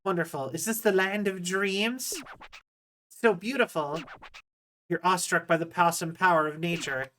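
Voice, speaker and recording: A woman's voice: on the low side, normal speed, fairly bright tone, slight background noise, lightly acted. A woman voicing pompous, flowery royal characters while reading video game dialogue aloud on a livestream. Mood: grand, theatrical. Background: game music.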